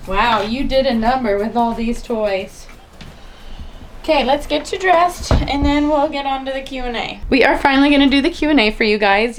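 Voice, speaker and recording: Chatty twenties mom, roomy sound. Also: female voice. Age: 20s. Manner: chatty, rising to a high sing-song when talking to her toddler. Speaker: family vlogger. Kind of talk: casual vlog chat. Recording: roomy home recording with faint music.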